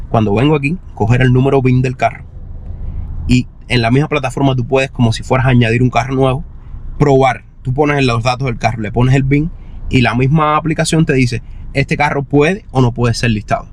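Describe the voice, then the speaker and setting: A man's voice: mid-range voice, steady tone, brisk. A man talking casually in a vlog, explaining things step by step in a conversational way, as someone who buys and resells used cars. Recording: noisy vehicle and outdoor ambience.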